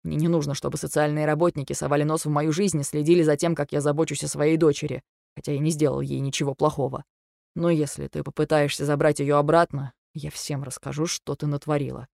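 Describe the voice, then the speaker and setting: Woman reader doing a hurt husband, reproachful, cold, low voice, dry close audiobook sound. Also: brisk, darkish tone, no room sound, natural voice. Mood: cold, hushed. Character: hurt, angry young husband on the phone. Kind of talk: audiobook reading.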